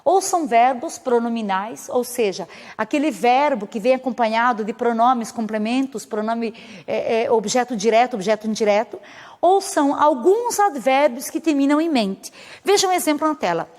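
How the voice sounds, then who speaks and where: A woman's voice: on the high side, animated, moderate pace, darkish tone, big-room sound. A woman teacher who speaks natively, explaining grammar rules patiently in a recorded video lesson and checking in with her students. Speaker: Spanish teacher.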